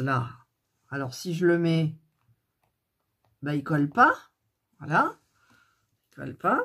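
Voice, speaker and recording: Shot close-up on a phone, this craft video features a middle-aged woman demonstrating a project casually while complaining and talking to herself. She has a low-sitting voice with a breathy edge.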